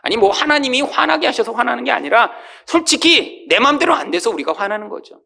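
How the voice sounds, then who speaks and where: A male pastor preaching a sermon with emphatic, rising exclamations that drop away quietly at the end of phrases, often calling out to the congregation. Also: lively intonation, brisk, vocal fry. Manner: swells to high exclamations, then drops low and quiet at phrase ends.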